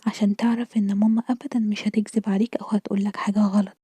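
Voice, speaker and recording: A woman's voice: mid-range voice, flat delivery, rapid-fire, mellow, slightly rough, no room sound. A woman voicing a loving but firm mother squirrel with an Egyptian Arabic accent, coaxing and motherly.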